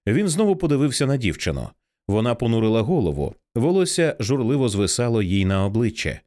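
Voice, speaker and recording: A man narrating an audiobook in an expressive, dramatic reading style. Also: mid-range voice, fast talker. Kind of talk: scripted narration.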